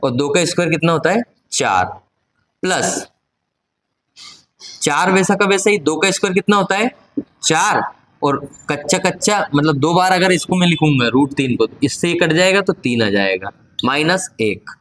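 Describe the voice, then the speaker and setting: A man's voice: a little high, animated, moderate pace, fairly bright tone. A man with a Hindi accent teaching a maths lesson, working through each step aloud and quizzing the class. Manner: talks himself through each step and asks the class rhetorical questions; switches to motivational exhortation.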